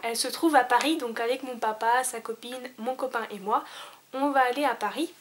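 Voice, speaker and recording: Young woman vlogger, high voice, chatty and loose, lots of fillers and restarts, talking straight to her viewers. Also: a little fast. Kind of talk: casual vlog chat.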